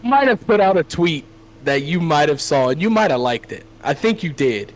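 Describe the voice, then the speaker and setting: A man's voice: on the high side, very animated, moderate pace, poor audio. A man appearing as a guest on a casual podcast, joking and rambling loosely. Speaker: guest streamer.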